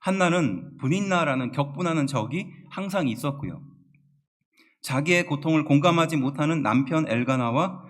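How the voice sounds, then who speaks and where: A man's voice: a little high, lively intonation, moderate pace. A male pastor preaching a sermon, explaining a Bible passage and putting questions to his congregation.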